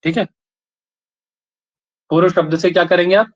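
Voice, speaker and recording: A man's voice: high-pitched, steady tone, normal speed. A man teaching a Sanskrit grammar class who keeps repeating his questions and prodding students to answer. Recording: dull lo-fi sound.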